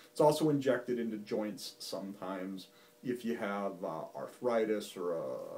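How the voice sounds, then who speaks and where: In a doctor's office, a male physician talks to camera about a medical topic, plain-spoken, folksy, and patient. His voice is medium-pitched and somewhat dark, picked up by a distant microphone.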